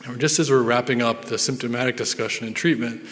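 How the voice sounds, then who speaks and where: A man's voice: mid-range voice, steady tone, quick pace, fairly bright tone. A man, a physician, telling patient stories in an earnest conference talk, often repeating words as he thinks. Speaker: neurologist giving a conference talk. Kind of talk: storytelling conference presentation. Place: large conference hall. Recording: reverberant hall sound.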